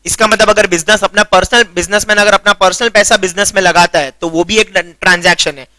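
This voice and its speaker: In a chatty classroom lecture, a young commerce tutor from Gujarat, India, talks in Gujarati-accented Hindi, blends in English terms and keeps confirming his students are following. He has a high, pushed, bright voice with fairly even intonation, talks fast, and there's no echo.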